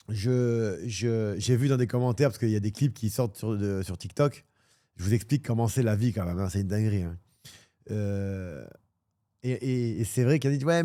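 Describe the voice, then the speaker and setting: Male streamer, casual rambling chat, crude and jokey, warm mellow tone. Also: mid-range voice. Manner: rambling, crude swearing, animated and joking. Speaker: streamer and football pundit.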